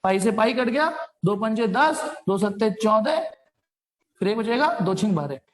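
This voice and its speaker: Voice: medium pitch, animated, a little slow. A physics teacher giving an informal lecture, talking students through sums step by step and mixing in English technical terms. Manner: chatty, works sums aloud, calls students "beta".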